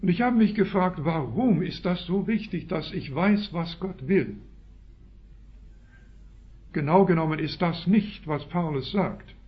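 A man with a Swiss German accent preaching a sermon, stressing key words with sudden loud rises and then dropping to quiet asides. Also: high-pitched, expressive, measured pace. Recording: dull lo-fi recording.

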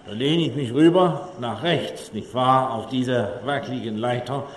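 A man giving a public lecture to an audience, telling humorous anecdotes in an animated way. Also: medium pitch, normal speed, slight background noise. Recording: echoey hall, faint room ambience.

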